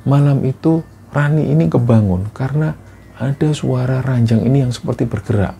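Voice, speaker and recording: A man telling a horror story in casual spoken style, with a relaxed, conversational delivery full of fillers. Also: medium pitch, moderate pace, vocal fry, slight background noise.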